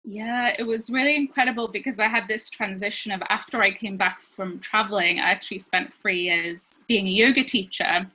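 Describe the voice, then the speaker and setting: Woman guest, relationship coach, bright tone, chatty, heavy on "like". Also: medium pitch, normal speed, hardly any pauses. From France and Switzerland, British parents. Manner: chatty, many fillers like "like". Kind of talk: casual interview chat.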